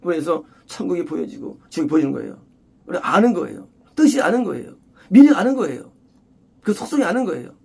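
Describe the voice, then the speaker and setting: A man preaching an expository sermon as a pastor, emphatic and repetitive, often rising to loud exclamations. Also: high-pitched, sing-song, fast talker, gravelly, slightly rough.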